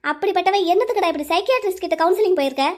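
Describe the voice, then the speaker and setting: A woman's voice: very high-pitched, racing. A woman voicing a protective older sister in a cartoon drama, scolding her younger brother bluntly. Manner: scolding, forceful.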